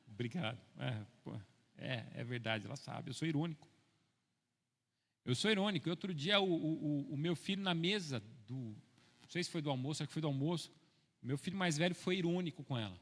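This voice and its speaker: A middle-aged Brazilian man preaching a sermon, telling stories with an ironic humor and moving from soft asides to loud, forceful preaching. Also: on the high side, animated, a little fast. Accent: Brazilian Portuguese. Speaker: pastor. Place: church hall. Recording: long church hall reverb.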